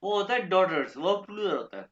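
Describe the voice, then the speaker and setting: A man teaching German vocabulary in an online lesson, repeating each word slowly and often checking that students follow. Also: sits high, very animated, dull audio.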